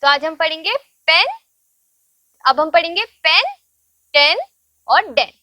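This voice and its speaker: A woman teaching English words to children, patiently repeating and spelling each word slowly. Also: extremely high pitch, lively intonation, bright, forceful tone, no echo.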